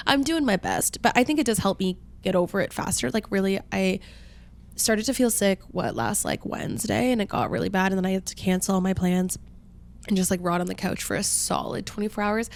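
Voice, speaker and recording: A woman in her twenties co-hosting a podcast, sounding nasal and congested from a cold, chatting casually with lots of "like" fillers. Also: medium pitch. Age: 20s. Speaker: podcast co-host. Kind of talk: casual chat.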